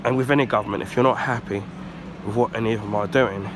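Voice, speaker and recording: A British YouTuber, husky and stuffed up as he gets over the flu, rambles through a casual rant full of ums, restarts, and frequent throat clearing. His voice sits a bit low with fairly even intonation, and he talks fast while faint street traffic hums in the background.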